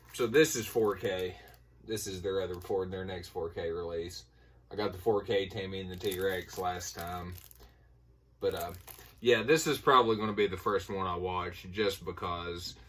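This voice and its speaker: Middle-aged man, deep voice, Appalachian hillbilly accent, informal vlog rambler, recorded at a distance from the mic. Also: fairly bright tone. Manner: folksy, informal. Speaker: movie collector showing a haul. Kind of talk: casual rambling haul vlog.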